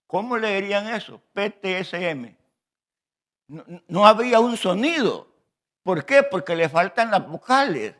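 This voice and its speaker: Male preacher, high and bright voice, unhurried teaching sermon, keeps turning to the congregation. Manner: slow, teaching tone, often addressing the congregation as brothers.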